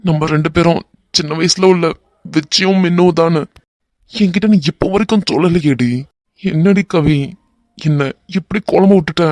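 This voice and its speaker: A man's voice: a little high, normal speed, long pauses, darkish tone, no echo, lightly acted. A man voicing an earnest young husband. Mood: earnest musing. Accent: Kanyakumari Tamil. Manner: earnest, bantering. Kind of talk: animated romance voice acting.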